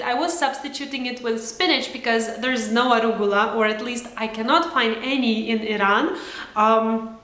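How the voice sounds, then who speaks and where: A young woman with a high voice hosts a cooking vlog in casual, chatty style. She is excitable, giggly and expressive. The sound has the echo of a home kitchen, picked up by a camera a short way off. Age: young adult.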